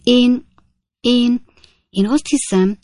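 A nervous young gentleman who stammers and trips over his first words , as a woman reader puts him on in a storybook. His voice sits a little higher than the narrator's and sounds close and dry. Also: no echo, close to an everyday voice. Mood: timid. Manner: stammering, hesitant.

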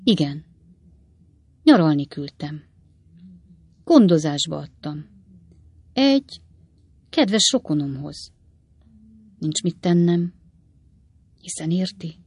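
A woman's voice: deep voice, big pitch swings, pauses often, a little mellow, husky, no echo, full character voice. A woman voicing a down-and-out male swindler who talks in short, clipped, jerky phrases. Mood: brash.

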